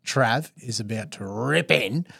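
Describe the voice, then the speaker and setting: Loud jokey Australian man, co-hosting. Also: mid-range voice, lively intonation, unhurried, gravelly, slightly rough. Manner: loud and jokey, slips into race-caller bursts. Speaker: podcast co-host. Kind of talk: casual chat.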